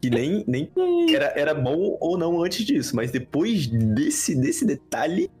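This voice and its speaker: A man's voice: on the high side, big pitch swings, unhurried, a little mellow, husky, faint music behind. A man with a Brazilian accent in casual chat, using lots of slang and repeating his phrases.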